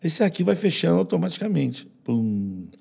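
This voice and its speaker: A guest who works with children shares emotional personal stories in an interview, speaking in an earnest, slangy way with a Brazilian Portuguese accent and repeating for stress. His voice is on the high side with big pitch swings at normal speed, plus vocal fry and a darkish, husky tone.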